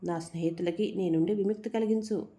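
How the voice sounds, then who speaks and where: A woman's voice: medium pitch, fairly even intonation, a little fast, dark tone, natural voice. A woman reading a storybook, voicing a defiant young woman who stands up to a villain. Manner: defiant, tearful.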